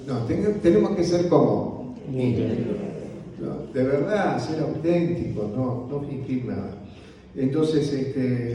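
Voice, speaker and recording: A man with a Rioplatense accent teaches church leaders in a gentle, unhurried voice, tagging his points with a soft "right?". His tone is dark and mellow. He is picked up from a distance in a large, echoey hall with a long reverb. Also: mid-range voice, a little hiss or hum. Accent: Rioplatense Spanish. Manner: slow, unhurried delivery with frequent "¿no?" tags; softly spoken. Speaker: pastor. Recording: roomy hall audio from a distance.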